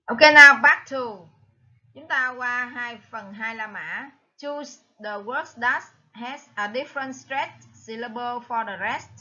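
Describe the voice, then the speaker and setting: A woman teacher with a Vietnamese accent, slowly reviewing exam answers and reading each word aloud. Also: fairly high pitch, pushed and bright, dull audio. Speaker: English teacher.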